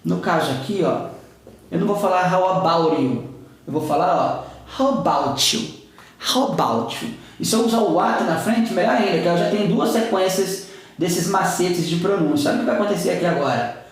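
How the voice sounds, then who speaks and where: Brazilian guy teaching english sounds, kinda high voice, tons of room echo. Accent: Brazilian Portuguese. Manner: explains patiently, repeats example words slowly. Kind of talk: video lesson on pronunciation. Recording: very echoey room.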